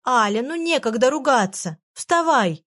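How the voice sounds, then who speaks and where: A woman reading an audiobook voices a cheeky, impatient little female fairy with a high, chirpy, commanding manner. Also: big pitch swings, moderate pace. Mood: bossy. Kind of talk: audiobook character voice.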